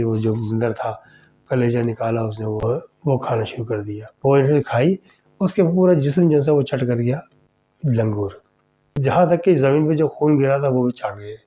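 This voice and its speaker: A man hosting a horror podcast, retelling a story in a conversational, animated way. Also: medium pitch, moderate pace, highs cut off.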